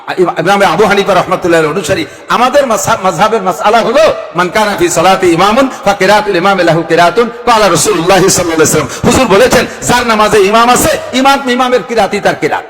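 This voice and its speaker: A man's voice: sits high, fairly bright tone. A man preaching to a gathering, emphatic and full of rhetorical questions. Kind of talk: sermon at a religious gathering. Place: large outdoor gathering with PA sound. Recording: public address sound with long reverb.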